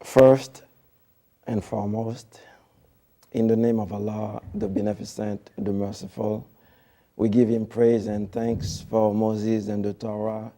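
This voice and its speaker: Man from haiti, dark gravelly voice, formal and churchy, lots of uhs, studio guest. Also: on the low side. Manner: formal, devotional phrasing with hesitant fillers. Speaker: TV producer, guest. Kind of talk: studio interview.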